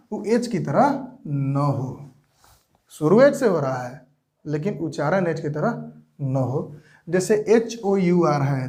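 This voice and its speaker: High-voiced man teaching English grammar. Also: darkish tone. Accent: Jharkhand Hindi. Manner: repeats rhetorical questions and answers them himself; stretches words slowly for emphasis. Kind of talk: classroom grammar lesson.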